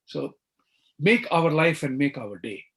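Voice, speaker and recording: Animated Indian-accented male show host. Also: a little high, a little slow. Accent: Indian English. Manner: animated, emphatic questioning. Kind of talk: interview talk show.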